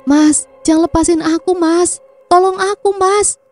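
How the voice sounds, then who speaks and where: A woman voicing a desperate young wife who pleads with her husband through tears, her voice going higher. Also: moderate pace, warm tone, soft background music, close to an everyday voice. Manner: pleading, tearful.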